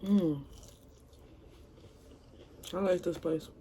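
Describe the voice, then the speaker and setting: Man eating crunchy fried food, higher-pitched voice. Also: level tone, unhurried, darkish tone, slight background noise. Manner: eating crunchy fried chicken and fish between phrases; informal, candid, self-reflective talk. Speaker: mukbang host eating on mic.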